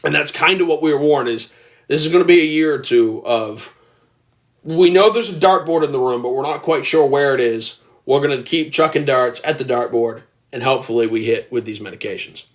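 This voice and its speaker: A man in his early 20s hosts a casual livestream from home, talking into a phone in a medium-pitched voice at a slightly fast pace. He speaks earnestly and at length, reads viewer comments aloud, and sometimes turns gravelly.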